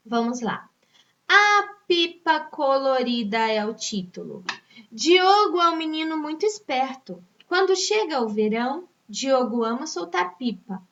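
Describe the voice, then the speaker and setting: A woman's voice: sits high, a bit bright. A woman teacher with a Brazilian accent patiently reading test questions aloud to young pupils, stretching out each answer option. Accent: Brazilian Portuguese. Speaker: primary school teacher. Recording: dull, distant lo-fi recording.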